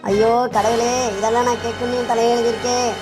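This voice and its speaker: A quarrelsome mother-in-law, played by a woman who rattles off her grievances at a quick clip in a Kanyakumari Tamil accent. Her voice sits a little high, and she wails to heaven about her lot in this comedy skit. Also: fairly even intonation, music in the background, close to an everyday voice. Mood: wailing. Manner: wailing, complaining. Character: nagging widowed mother-in-law, older woman.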